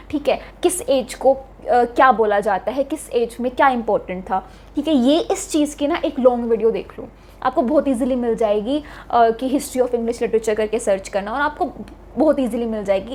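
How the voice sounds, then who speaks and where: A woman's voice: a little high, a little mellow. A young woman with an Indian accent giving casual study advice for an exam, chatty and mixing in English phrases. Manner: chatty, keeps saying "theek hai", mixes Hindi and English. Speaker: exam prep tutor.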